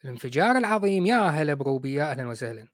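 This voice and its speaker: A man's voice: fairly high pitch, sing-song, rapid-fire, dry recording, clean studio sound. A man with an Iraqi accent hosting a livestream, rebutting clips in a sarcastic, mocking way. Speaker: host. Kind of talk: livestream commentary.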